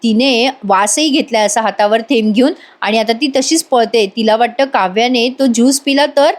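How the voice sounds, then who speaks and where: A high-voiced woman narrates a TV serial episode as a voice-over review. She speaks chattily, turning often to address her viewers directly. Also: moderate pace.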